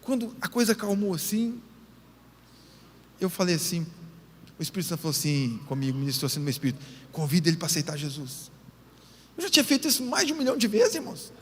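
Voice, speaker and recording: A man's voice: high voice, big pitch swings, fast talker, fairly bright tone, slight background noise. A man with a Northeastern Brazilian accent preaching a sermon in a large church, telling a story with feeling and often addressing the congregation directly. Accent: Brazilian Portuguese, Northeastern. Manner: emotional storytelling, calls the church brothers and sisters. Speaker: pastor. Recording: long church hall reverb.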